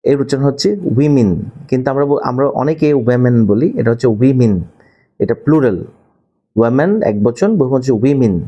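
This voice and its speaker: A man with a Bangladeshi Bengali accent giving a pronunciation lesson to camera, repeating key words slowly for learners. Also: mid-range voice, warm tone. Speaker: English teacher.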